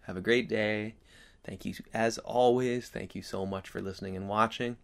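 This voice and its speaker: A man chatting casually to his viewers as host, earnest and reflective, with halting, rambling phrasing and a slight whistle on his s sounds. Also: lowish voice, steady tone, vocal fry. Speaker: video host.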